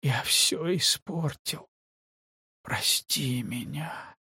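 A man's voice: a little mellow, breathy edge, no echo, studio quality. Man doing a stammering broken young man. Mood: weeping. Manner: stammering, slow and low.

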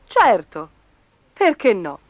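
A woman voicing a calm, sensible farmer father who speaks in a matter-of-fact way in a storybook reading. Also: medium pitch, slow, no room sound. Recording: noisy background.

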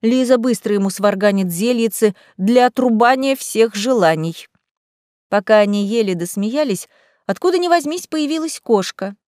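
A woman reading a storybook aloud in a lively, expressive way. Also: a little high, normal speed, no room sound, studio quality. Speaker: audiobook reader. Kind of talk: storybook narration.

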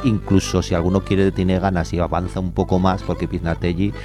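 Over music, a low-pitched male guest on a radio show, an environmental educator, talks fairly quickly in a flat way. He is informal and enthusiastic, heaping on descriptive words as he recommends walks.

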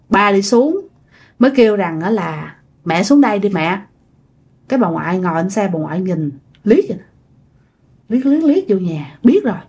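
A woman's voice: mid-range voice, slightly rough. A woman casually telling a ghost story, chatting directly to her listeners.

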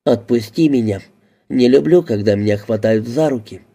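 A man reading an audiobook, voicing a blunt, quick-tempered woman who swears and used to be a call girl. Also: mid-range voice, dark tone, lightly acted. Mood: angry.

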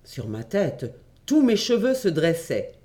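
A man reading a classic adventure novel aloud, in measured, expressive storytelling. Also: fairly high pitch. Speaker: audiobook reader.

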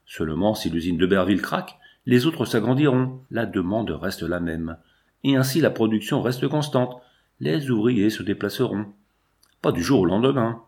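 A man voicing a calculating male strike leader in an audiobook, speaking in a measured, cool, persuasive way with a lowish voice. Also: lively intonation, a little mellow. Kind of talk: audiobook reading.

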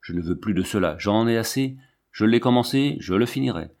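A man's voice: lowish voice, expressive, fairly quick, darkish tone. A man reading the part of a haunted lion tamer who talks with hissing, obsessive insistence. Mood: haunted, agitated. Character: haunted, half-mad male lion tamer, feverish.

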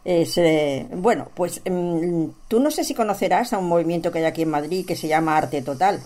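Chatty woman from spain hosting, low mellow voice. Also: normal speed. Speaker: host. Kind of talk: radio interview.

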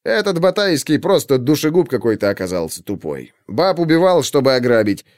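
A man's voice: mid-range voice, big pitch swings, fairly quick, darkish tone, natural voice. A man voicing a chatty, blunt militia instructor who talks in a colloquial, teasing way. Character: gruff, chatty male militia instructor, joking.

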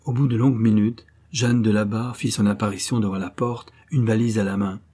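A male audiobook narrator reads in a measured, grave storytelling manner. His voice is low, dark and mellow with a husky edge. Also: fairly even intonation. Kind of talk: scripted narration.

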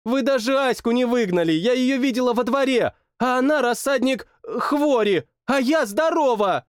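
A man's voice: extremely high pitch, animated, smooth, dry recording, clean studio sound, pitched above the performer's own voice. A man voicing a stubborn young woman who pleads and scolds in an audiobook. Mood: pleading. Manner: pleading, scolding, quick protests. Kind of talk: audiobook narration.

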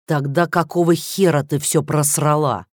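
A man reading an audiobook story, voicing a coarse, quick-tempered male president who snarls and hisses. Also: medium pitch, a little mellow, dry recording, studio quality, natural voice. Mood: furious. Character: gruff powerful middle-aged male president, contemptuous, quick to rage.

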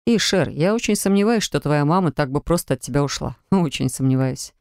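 Woman doing a quiet, steady young student guy, low and mellow, restrained. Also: fairly quick, dry recording, studio quality. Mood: calm. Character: gentle young male third-year student.

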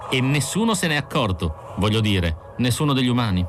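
A male audiobook narrator voicing an excitable android woman who speaks high and insistently. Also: fairly quick, a little hiss or hum, lightly acted. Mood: agitated.

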